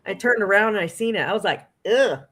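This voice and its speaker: Woman, bright sharp voice, casual podcast chat. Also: medium pitch, racing, no room sound.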